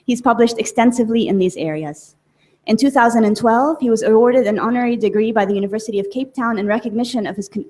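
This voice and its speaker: A woman's voice: mid-range voice, darkish tone. A woman moderator formally reading a speaker's bio at a conference.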